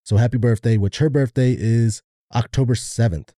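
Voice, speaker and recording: A man's voice: mid-range voice, moderate pace, mellow, no room sound, studio quality. A man co-hosting a podcast, chatting casually and going along with the jokes in a laid-back way. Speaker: podcast co-host. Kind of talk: casual chat. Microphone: studio microphone.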